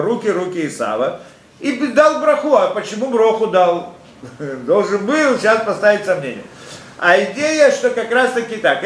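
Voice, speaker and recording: A man's voice: high voice, a bit bright. A man giving a Torah lesson to students. He explains through rhetorical questions and quotes Hebrew verses. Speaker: Torah teacher. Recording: echoey room with faint ambience.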